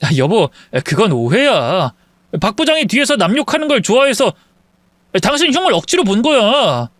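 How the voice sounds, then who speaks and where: A man's voice: very high voice, big pitch swings, normal speed, fairly bright tone, dry recording, studio quality, exaggerated voice. A man playing a groveling, lying young husband. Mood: pleading. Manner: pleading, stammering excuses.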